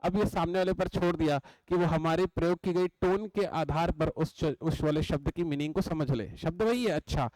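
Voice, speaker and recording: A man's voice: on the high side, normal speed, hardly any pauses, darkish tone, dry recording, low-quality recording. A young man giving an exam-coaching lecture. He explains in a chatty way, repeats his points and often checks that the class is following. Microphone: writes on a board while talking.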